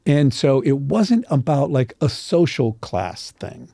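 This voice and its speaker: A man speaking as a dialect coach guest, explaining casually in a halting, thoughtful way. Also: medium pitch, very animated, creaky, warm tone, dry recording.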